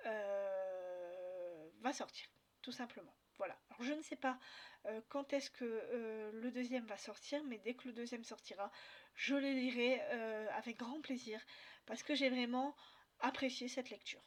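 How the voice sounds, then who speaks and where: A woman's voice: on the high side, measured pace. Hesitant French woman chatting about books. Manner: hesitant, many fillers and restarts. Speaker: book vlogger. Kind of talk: casual book review chat.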